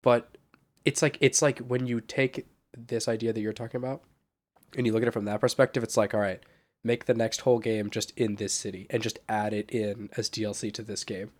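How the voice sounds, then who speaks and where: A man's voice: on the low side, flat delivery, brisk, darkish tone. A man with a stuffed-up nose from a cold co-hosting a podcast, talking casually and hesitantly with many restarts. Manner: hesitant, restarts and stacked fillers. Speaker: podcast co-host. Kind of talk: casual chat.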